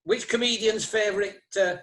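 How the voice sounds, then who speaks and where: A man's voice: sits high, fairly even intonation, normal speed, a bit bright. A man hosting a casual quiz over a video call, teasing the players as he goes. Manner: jokey, teasing quiz master. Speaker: quiz host.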